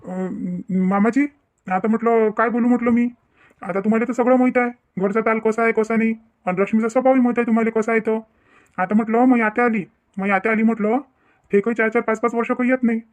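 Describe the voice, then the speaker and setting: A man's voice: very high-pitched, fairly even intonation, fast talker. A man voicing a stressed young married man, hesitant and complaining, who stammers in a cartoon family drama.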